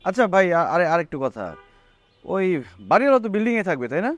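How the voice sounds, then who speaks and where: A man playing a brash, cocky young flat-hunter. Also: high-pitched, fast, lo-fi sound. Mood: bargaining. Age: young adult. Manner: boastful, breaks into sing-song. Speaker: son looking for a flat.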